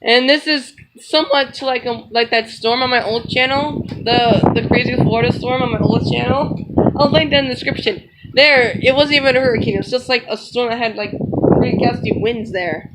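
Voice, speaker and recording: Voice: mid-range voice, brisk. A person vlogging outdoors on a handheld phone, talking in an informal, rambling running commentary. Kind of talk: casual handheld vlog narration. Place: outdoors in windy, rainy weather. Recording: loud wind and rain noise on phone mic.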